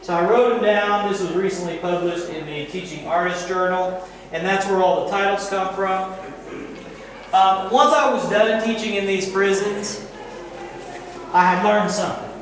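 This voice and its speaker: An American man from Missouri, an artist and teacher, tells stories to gallery visitors in a high-pitched, fairly bright voice with fairly even intonation. He speaks deliberately, using dramatic repetition and short phrases. Recorded from a distance in a very echoey indoor gallery hall, the audio is noisy.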